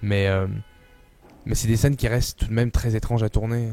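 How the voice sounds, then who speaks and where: A man answers interview questions in a loose, slangy way. His voice sits low and sounds mellow. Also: fairly even intonation, moderate pace, soft background music. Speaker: actor.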